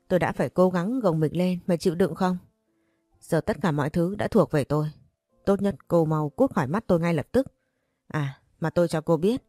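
Woman doing a cold mean husband, sneering, lowish mellow voice, storybook audio. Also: no room sound, studio quality, natural voice. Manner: sneering, contemptuous. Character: scheming adult male husband, cold and cruel.

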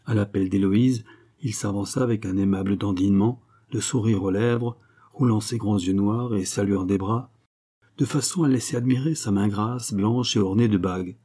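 A man narrating a classic novel in a measured, literary reading. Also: on the low side, dark tone, slightly rough. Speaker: audiobook narrator. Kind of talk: scripted narration.

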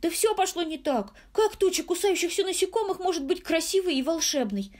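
A woman doing shrill offended fairy twins. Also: lively intonation, fairly quick, darkish tone. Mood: indignant. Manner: indignant, squeaky. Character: twin sisters, young weather fairies, offended and shrill.

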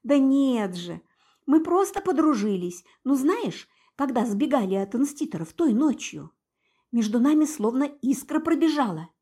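A woman voicing a cheerful young mermaid secretary in an audiobook, chatty and excitable. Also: sits high, measured pace, slightly rough, pitched above the performer's own voice, heavily acted.

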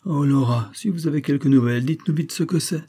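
A man's voice: on the high side, fast talker, mellow, slightly rough, voice pushed up. A man voicing a proud, cold young woman in an audiobook, speaking haughtily and impatiently. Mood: bored.

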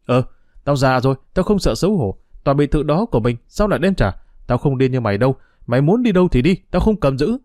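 A man's voice: medium pitch, sing-song, fast talker, darkish tone, no echo, studio quality, lightly acted. A man voicing a stubborn, domineering older mother who scolds her daughter with contempt, in a storybook reading. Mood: scolding.

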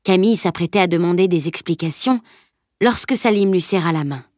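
Audiobook narrator, woman, low-ish voice, dry close sound, measured reading. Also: a little mellow, no echo.

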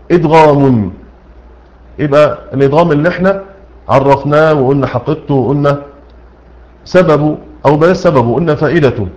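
A man with an Egyptian accent teaches recitation rules, asking questions and answering them himself. His voice sits somewhat high, and he slows to recite key phrases. The recording is dull and lo-fi. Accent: Egyptian Arabic. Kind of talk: explaining a tajweed poem line by line.

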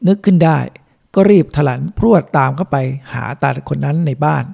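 Male monk reader, calm measured audiobook narration, gravelly and mellow, a bit high. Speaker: monk reading a book aloud. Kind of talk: audiobook reading.

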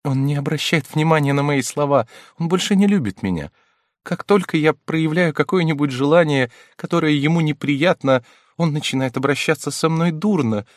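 A man voices a meek young noblewoman who weeps and pleads helplessly, his tone pleading. He pitches a little high, above his own natural voice though still close to an everyday one, at normal speed in a clean, echo-free studio recording.

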